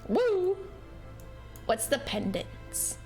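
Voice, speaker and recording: During a casual gaming livestream, a woman with a high voice draws out her words, sounding cute, bubbly, giggly and apologetic. Her talk is packed with excitable streamer greetings and exclamations, and music runs behind her voice.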